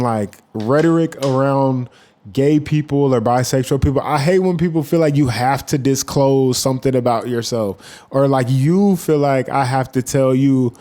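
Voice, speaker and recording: A man giving casual, profane reaction commentary as a YouTuber, rambling with animated asides. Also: mid-range voice.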